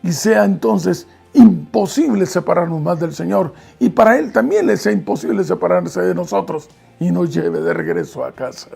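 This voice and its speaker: A man's voice: sits high, vocal fry, dark tone, slightly rough. A man preaching a sermon in earnest, reading scripture aloud and stopping to explain it.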